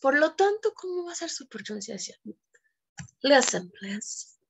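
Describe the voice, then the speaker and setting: A woman teaching English grammar in a pre-recorded lesson, explaining slowly and drilling English words one at a time, with Spanish as her first language. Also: extremely high pitch, sing-song, creaky.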